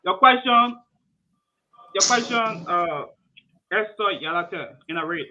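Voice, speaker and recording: In a bright, forceful voice that sits high, a man from Liberia runs a quiz, reading questions slowly and animatedly and repeating his emphatic verdicts on the answers. The sound is muffled and lo-fi, with faint noise.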